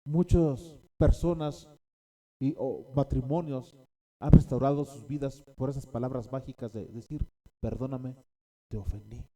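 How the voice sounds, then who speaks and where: A man's voice: medium pitch, steady tone, measured pace, warm tone, slight background noise. A man preaching a sermon as a pastor, repeating key phrases and often checking in with his listeners.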